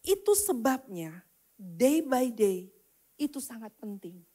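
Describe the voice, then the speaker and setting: A woman preaching a personal testimony, swinging from loud declarations to hushed whispered prayers. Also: high-pitched. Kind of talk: testimony sermon.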